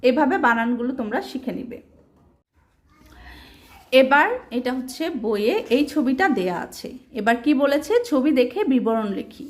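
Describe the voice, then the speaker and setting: A woman's voice: a little high, moderate pace. A woman teaching a primary school language lesson, asking questions and answering them herself, spelling words out letter by letter. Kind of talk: explaining a children's textbook lesson.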